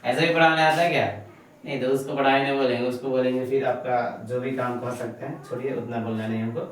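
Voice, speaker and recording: A man's voice: mid-range voice, fairly even intonation, quick pace, slight background noise. A man teaching an exam-prep math lecture, posing questions to his students and answering them himself, and fondly calling them "babu". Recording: very echoey room, mic set far off.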